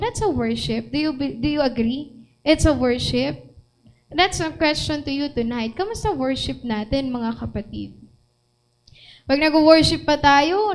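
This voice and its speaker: A high-pitched woman with a Filipino accent preaches in a church. She moves between Tagalog and English, animated, and keeps asking her listeners questions. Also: low-quality recording. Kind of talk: sermon.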